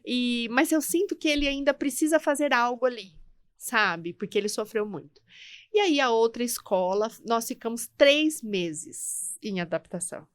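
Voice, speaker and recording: Animated Brazilian woman telling a personal story. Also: a little high, normal speed, no room sound. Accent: Brazilian Portuguese. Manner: animated, acts out dialogue in her story. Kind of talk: emotional personal storytelling on a podcast.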